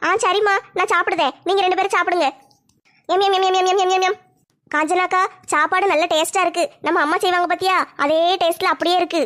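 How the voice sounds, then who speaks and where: A woman's voice: very high-pitched, fairly even intonation, fast, a bit bright. A woman as a talkative middle-aged policewoman. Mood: warm. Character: long-lost twin sister, middle-aged policewoman, warm talker. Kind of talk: homemade Tamil village comedy skit.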